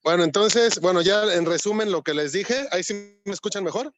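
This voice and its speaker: A man's voice: high-pitched, fairly quick. Man on a choppy video call. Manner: didactic, quizzes students. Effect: choppy, breaking-up internet connection. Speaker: medical teacher. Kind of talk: online medical lecture. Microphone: computer on a video call.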